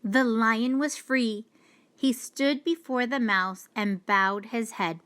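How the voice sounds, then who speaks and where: A woman reading a children's storybook aloud with deliberate, expressive storytelling. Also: on the high side, clear, resonant tone. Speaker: storybook reader. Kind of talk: children's read-aloud narration.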